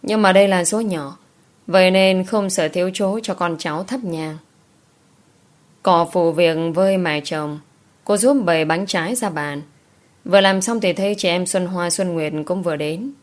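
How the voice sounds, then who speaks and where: A woman narrating a romance novel as an audiobook in an even storytelling manner. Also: lowish voice, moderate pace.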